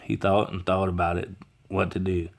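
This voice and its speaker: A deep-voiced man reads a children's picture book aloud. He now and then stumbles and restarts over words as he goes. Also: completely flat delivery, moderate pace, creaky. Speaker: reader.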